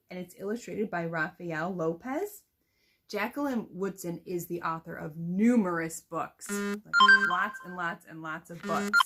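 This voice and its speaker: A young woman teacher with a slightly low voice walks students through how to read a picture book aloud to children. She talks in a chatty, explaining way, with plenty of fillers. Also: fairly bright tone. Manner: explains then reads aloud with expression.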